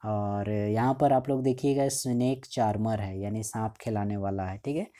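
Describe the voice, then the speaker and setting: A male teacher giving a line-by-line explanation of a school chapter. He reads English lines slowly, then explains them in a casual way, often checking in with the students. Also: on the low side, dark tone. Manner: frequent checking fillers.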